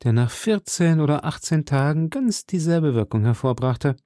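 A man reading an audiobook voices a grave, dry musketeer who speaks in a measured way. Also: on the high side, animated, mellow, no echo, voice pushed up, natural voice.

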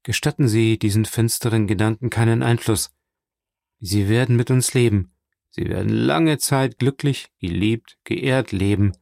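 A man voicing a proper, anxious gentleman who speaks in a formal, placating way in an audiobook. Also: lowish voice, a little slow, vocal fry, no echo, studio quality.

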